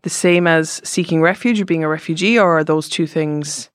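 An Irish woman hosting a conversational interview, asking gentle, reassuring questions. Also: sits low, normal speed, clear, resonant tone. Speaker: podcast host.

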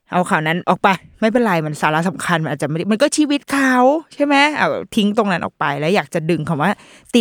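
A woman hosting a parenting podcast in a chatty, playful way, full of fillers and quick asides. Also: medium pitch, no room sound, studio quality. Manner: chatty and playful, with lots of fillers and mock quoted voices. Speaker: podcast host. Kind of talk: casual parenting chat.

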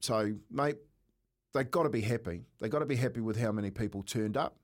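Low-voiced man with a broad Kiwi accent. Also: fairly quick. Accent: broad New Zealand. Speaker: radio co-host. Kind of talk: conversational radio commentary.

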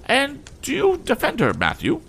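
A man voicing a haughty, easily offended genteel lady in a shrill falsetto, in a read-aloud story. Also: huge pitch swings, normal speed, vocal fry, fairly bright tone, slight background noise, full character voice. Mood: indignant.

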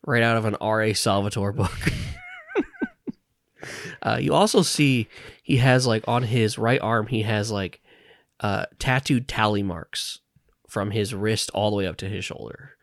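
A man acting as game master for a tabletop game describes scenes in a relaxed, unhurried way, full of fillers and chuckles. His voice is lowish and there's no echo.

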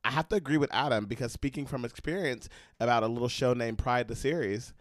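A man's voice: mid-range voice, quick pace, no echo, clean studio sound. A man hosting a podcast in casual chat, joking and rambling with many fillers. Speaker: podcast host.

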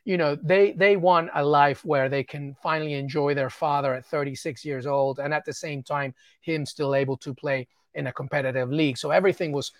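A man's voice: on the high side, steady tone, a little fast, hardly any pauses, dry recording, studio quality. A man, from England, giving enthusiastic soccer analysis as an interview guest, often stammering on repeated words.

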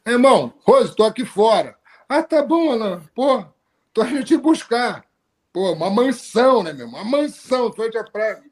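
A man's voice: extremely high pitch, big pitch swings, moderate pace. A man telling a story in casual chat, full of slang and swearing.

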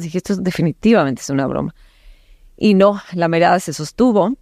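A woman's voice: low voice, a little mellow, no room sound, clean studio sound. A woman with a Mexican Spanish accent recounting a personal experience in a rambling way, with many fillers and emphatic repetitions.

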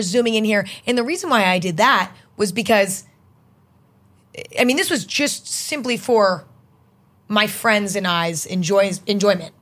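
A woman's voice: mid-range voice, fairly bright tone. Young woman chatting in a loose, rambling way. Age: young adult. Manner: rambling, heavy use of "like". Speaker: interview guest, video creator. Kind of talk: casual chat.

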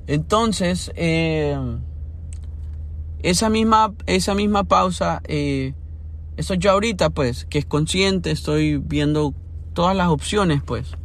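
A man shares his thoughts in a relaxed vlog. His voice sits slightly high, and he circles back and restarts as he thinks aloud. Faint vehicle noise hums in the background. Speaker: vlogger. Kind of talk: casual reflective monologue.

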